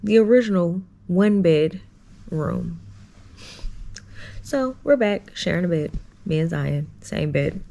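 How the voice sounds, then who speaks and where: Brief: woman vlogger, storytime, low gravelly voice, animated and exasperated. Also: slow pace, pauses often, slight background noise. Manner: animated, exasperated storytelling with slangy asides to viewers. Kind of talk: casual storytime vlog.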